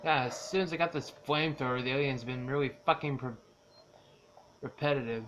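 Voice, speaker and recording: A woman's voice: rumbling low, a little fast, fairly bright tone. A young woman giving casual, sarcastic and profane commentary while playing a game, talking back at the characters. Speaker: let's play streamer. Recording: background noise under the voice.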